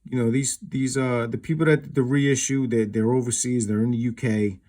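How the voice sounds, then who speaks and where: With a warm, steady, medium-pitched voice at a normal speed, a collector talks through a comparison on his own video. It's unscripted and casual, and he wanders as he explains, dropping "you know" often.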